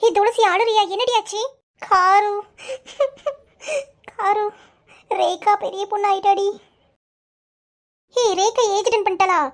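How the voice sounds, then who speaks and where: A woman's voice: very high-pitched, fairly even intonation, quick pace, hardly any pauses. A woman voicing young office workers in a cartoon, chatty, teasing and scolding. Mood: fretful. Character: young women office workers, teasing friend and tearful sister. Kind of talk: cartoon voice acting.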